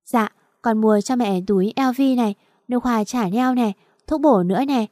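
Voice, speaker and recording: A woman voicing a spoiled, pushy young woman who talks in a shrill, wheedling way. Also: moderate pace, warm tone, no room sound, studio quality, natural voice. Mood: gushing.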